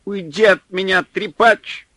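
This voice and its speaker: A man reading an audiobook, voicing a panicky, whining male supply clerk who shouts in a shrill, complaining way. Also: expressive, slow, breathy edge, dry recording, heavily acted. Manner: shrill, complaining, near hysteria.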